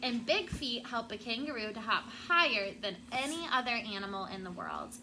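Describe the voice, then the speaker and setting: Pausing to quiz her pupils and make sure they follow, an elementary school teacher reads a children's book aloud. She speaks at a normal speed in a high-leaning, very animated voice with a bright, forceful tone. Noisy room sound comes through clearly.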